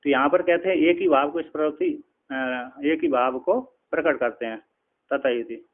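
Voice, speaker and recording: A man, a spiritual teacher, giving a scripture lecture, explaining slowly with many repetitions and checking in with his listeners. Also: a little high. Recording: tinny phone-like lo-fi sound.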